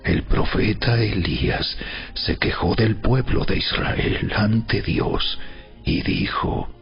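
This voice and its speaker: A man's voice: on the low side, big pitch swings, slow pace, gravelly. A man giving solemn, emphatic, rhetorical narration in a dramatized reading of scripture. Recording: dull sound with background music. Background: music.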